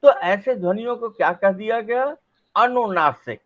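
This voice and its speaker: A man's voice: sits high, expressive, a little slow. A middle-aged man giving a classroom lecture to a camera, sounding out examples and answering his own questions. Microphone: facing a camera. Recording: dull lo-fi recording.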